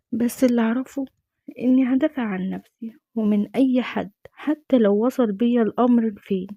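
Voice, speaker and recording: Egyptian woman, story narrator, tense and dramatic, mellow voice, slightly high, dry close recording. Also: no echo, lo-fi sound. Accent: Egyptian Arabic. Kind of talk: scripted first-person story narration.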